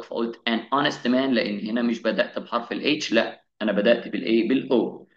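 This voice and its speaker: A man's voice: medium pitch, fairly bright tone. Egyptian guy teaching english grammar, asks and answers his own questions, echoey room, bit muffled. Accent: Egyptian Arabic. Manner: asks questions and answers them himself, slowing down to spell out English examples. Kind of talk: classroom-style grammar lesson. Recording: echoey room, slightly dull sound.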